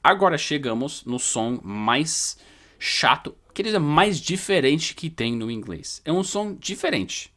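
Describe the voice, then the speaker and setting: A man whose first language is English, teaching English pronunciation in Portuguese in a casual video lesson, telling stories and repeating sounds slowly. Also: on the high side, fairly bright tone. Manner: storytelling, spells letters out and repeats sounds slowly.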